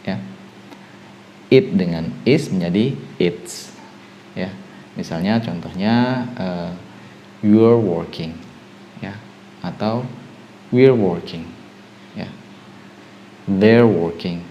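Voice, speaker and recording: A male teacher with a low, gravelly voice and an Indonesian accent, walking through grammar points slowly and methodically. His tone is dark and relaxed, and nearly every phrase closes with a short confirming "ya". A faint hiss of background noise sits under the recording. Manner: explains step by step, tags nearly every phrase with "ya". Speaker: English teacher. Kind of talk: online grammar lesson.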